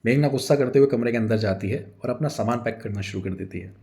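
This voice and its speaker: A man tells a story script aloud, narrating scene directions. His delivery is calm and measured. His voice is dark and mellow, at an ordinary pitch.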